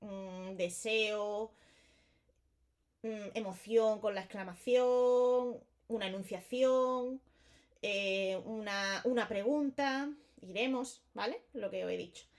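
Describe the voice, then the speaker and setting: A woman's voice: medium pitch, slow pace. Woman explaining grammar casually, lots of examples, keeps asking vale. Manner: chatty, explains with repeated examples and checks with "vale". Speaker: teacher. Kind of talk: casual exam-prep lesson.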